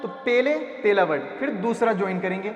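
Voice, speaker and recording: A man teaching children to read letters, sounding out syllables slowly and asking and answering his own questions. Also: high voice, expressive, lo-fi sound, soft background music. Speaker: Quran reading teacher. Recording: echoey room.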